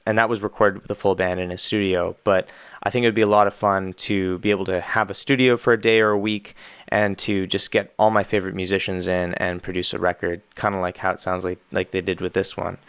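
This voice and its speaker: A man's voice: on the low side, fairly bright tone, smooth, no room sound. A Canadian man, a musician, giving enthusiastic, rambling casual commentary as he reacts to an album.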